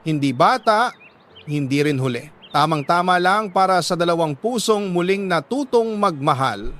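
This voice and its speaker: A man with a Filipino accent reads a sentimental letter like a radio storyteller, pausing deliberately between phrases. His delivery is measured, heartfelt and dramatic, with a high, expressive, fairly bright voice.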